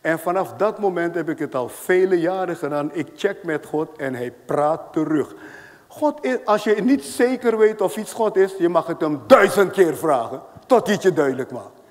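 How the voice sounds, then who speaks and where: A man preaching a sermon as pastor, telling stories with lively acted-out voices. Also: a little high, normal speed. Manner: animated storytelling, acting out voices. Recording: long hall reverb.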